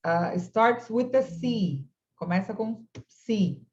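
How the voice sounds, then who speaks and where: A woman's voice: mid-range voice, expressive, slow, darkish tone, muffled recording. A woman from Brazil teaching an online English class, patiently and encouragingly modelling words for her students over a video call.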